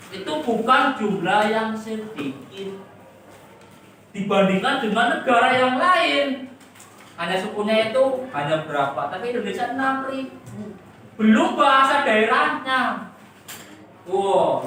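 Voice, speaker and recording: A woman teacher with a medium-pitched, somewhat bright voice runs a classroom lesson, quizzing and coaxing her pupils with repeated questions. She's recorded from a distance in an echoey classroom, with slight background noise.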